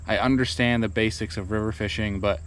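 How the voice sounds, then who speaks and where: A young man casually talking to an action camera held at arm's length outdoors, relaxed and rambling with fillers and small laughs. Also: fairly low pitch, fairly quick, clean tone. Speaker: kayak fishing vlogger. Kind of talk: casual vlog talk to camera. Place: outdoors on a lawn by a truck.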